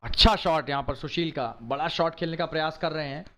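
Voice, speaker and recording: A man delivers excited cricket commentary in a somewhat high-pitched voice. He works as a live match caller, following the play closely and exclaiming in short, emphatic bursts of praise. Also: fairly quick.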